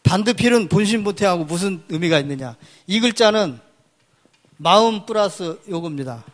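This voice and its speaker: High-voiced man lecturing on characters. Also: lively intonation, moderate pace. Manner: explanatory, pointing at characters on a board; asks and answers his own questions. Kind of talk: public lecture on Chinese characters.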